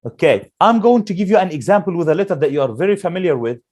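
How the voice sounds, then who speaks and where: A male Quran teacher leading a classroom lesson, slowly drilling letter sounds and asking the class questions. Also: high-pitched, lively intonation, a little mellow.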